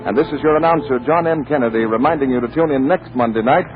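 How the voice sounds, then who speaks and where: Casting: male network announcer, formal 1940s style, medium pitch, thin vintage broadcast. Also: fast, over music. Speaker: radio announcer. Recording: tinny old radio broadcast.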